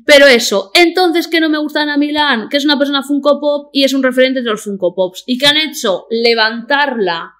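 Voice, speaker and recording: A woman guest on a chat podcast, telling stories in a blunt, sarcastic, rapid-fire way. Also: high-pitched, fairly bright tone. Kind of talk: casual chat.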